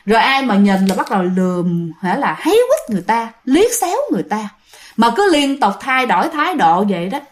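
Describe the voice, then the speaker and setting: Animated southern Vietnamese woman telling a ghost story. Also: a little high, brisk. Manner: chatty, addresses listeners directly, animated retelling. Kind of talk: casual spoken storytelling.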